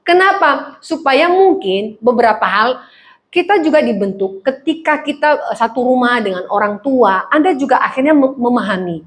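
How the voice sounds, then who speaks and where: A woman's voice: high voice, expressive, normal speed. A woman pastor giving a humorous sermon, acting out everyday dialogues between people as she preaches. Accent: Indonesian, East Javanese.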